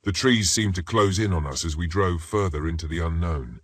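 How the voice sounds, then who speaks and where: A man reading first-person horror stories as a scripted narration, in a steady, ominous manner. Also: sits low, moderate pace, slightly rough, no echo.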